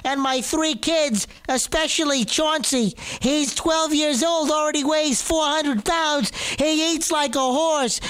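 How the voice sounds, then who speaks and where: A man voicing a grumpy, crotchety, excitable old man, exasperated and exclaiming dramatically on a prank call. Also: very high-pitched, exaggerated voice. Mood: fretful, grumpy. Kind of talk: prank phone call in character.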